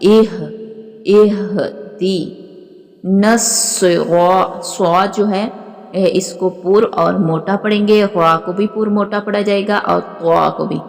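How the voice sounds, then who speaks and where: A woman teaching Quran recitation, explaining pronunciation and then reciting verses slowly with long drawn-out, melodic vowels. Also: mid-range voice, fairly even intonation, creaky, in a large hall. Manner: slow and deliberate, stretching recited words melodically. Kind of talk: slow recitation lesson with explanations.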